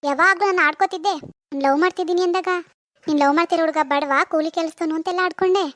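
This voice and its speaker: A woman voicing a boastful rich young woman who taunts and lectures her poorer sister in an animated cartoon. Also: extremely high pitch, racing, no room sound, clean studio sound. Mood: taunting. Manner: taunting, scolding, preachy.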